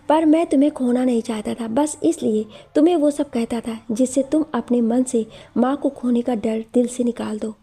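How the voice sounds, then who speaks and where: Woman reading as a worried storybook father, urgent and reassuring, high soft voice. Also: husky. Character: worried father soothing his son.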